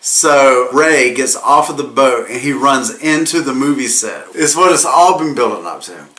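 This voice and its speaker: A man's voice: mid-range voice, expressive, normal speed, bright, forceful tone. A man giving a casual, comedic film recap in a tipsy, rambling, profane and slangy way, acting out bits of dialogue as he goes. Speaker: movie review host. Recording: echoey room with faint noise.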